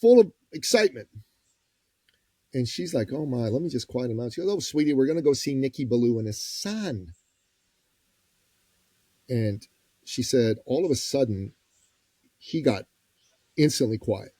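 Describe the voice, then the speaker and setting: A man, a business coach and podcast guest, telling a story in a lively, folksy way and acting out the people he quotes. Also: mid-range voice, normal speed, long pauses, husky, no room sound. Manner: lively, acts out quoted voices; direct, folksy phrasing. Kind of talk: conversational storytelling.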